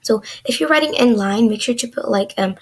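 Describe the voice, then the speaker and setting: Fairly high-pitched and fairly quick, a young woman runs a casual screen-recorded coding lesson for beginners. She's chatty and loose, and her talk is full of "like" and "um."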